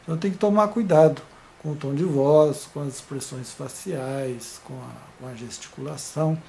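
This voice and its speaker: Hesitant, mellow-voiced man teaching. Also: a little high, normal speed, creaky, a little hiss or hum. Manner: hesitant, many repeated fillers and restarts. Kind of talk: informal video lesson.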